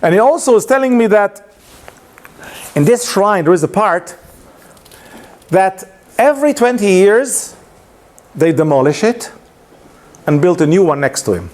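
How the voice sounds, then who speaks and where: In an informal lunchtime lecture, a man with a voice that sits high speaks a little slowly and pauses often while telling a story. He hesitates and restarts many times, English is not his native language, and his storytelling is animated, with laughs.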